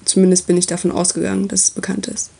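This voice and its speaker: A woman reading a story aloud as its narrator, with steady, even delivery. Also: mid-range voice, fast, creaky, slightly rough.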